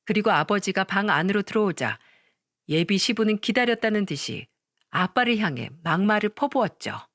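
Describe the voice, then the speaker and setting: Give me a woman narrating a scripted story in a steady, medium-pitched voice. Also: normal speed, no echo, clean studio sound.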